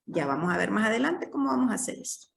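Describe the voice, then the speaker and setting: A woman's voice: mid-range voice, sing-song, fast talker, gravelly, far from the mic, a little hiss or hum. A woman teaching a literature class, explaining patiently and checking in with her students often.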